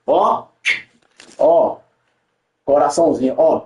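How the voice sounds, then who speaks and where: A man's voice: fairly high pitch, fairly even intonation, slow pace, darkish tone, highs cut off. A young man, a gaming streamer bantering on a live stream, teasing and mocking with frequent laughs. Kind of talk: livestream banter while playing. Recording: roomy echo.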